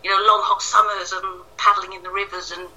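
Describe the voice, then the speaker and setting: This is a woman from Wales, an author being interviewed from her kitchen, whose answers are casual and self-deprecating. She has a mid-range voice with a flat delivery, a sharp tone and a slightly fast pace. The kitchen echoes, and the call comes through distant and tinny.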